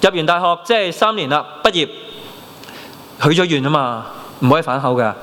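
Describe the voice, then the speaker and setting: A man in his thirties with a Hong Kong Cantonese accent, preaching a sermon and telling his own story in an animated way, dropping in English words. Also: a little high, fairly quick, a little hiss or hum. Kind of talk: sermon with personal testimony. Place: church hall. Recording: long reverb of a church hall.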